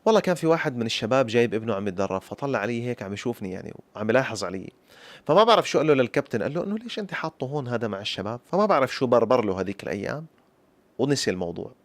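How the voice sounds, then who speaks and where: Speaking very fast, a young man with a Syrian Arabic accent tells his personal story to camera. He delivers it like a lively traditional folk-tale teller, repeatedly adding flourishes aimed at his listeners. His voice is mid-pitched, and the sound is dry and close with no room sound.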